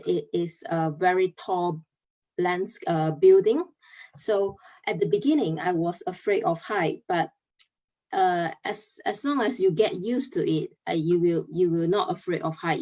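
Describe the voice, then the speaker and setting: A woman's voice: on the low side, darkish tone. A young woman from Malaysia, presenting earnestly over a video call and explaining step by step. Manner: earnest, explaining step by step with many pauses and fillers. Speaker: chemical engineer giving a talk.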